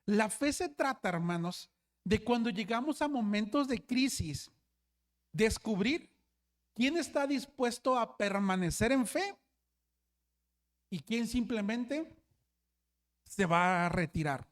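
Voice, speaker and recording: Slow and expressive, with long pauses, a man whose voice sits high preaches as a pastor and tells a story. He keeps restarting, frequently addresses "hermanos," and constantly breaks off with asides to the people listening.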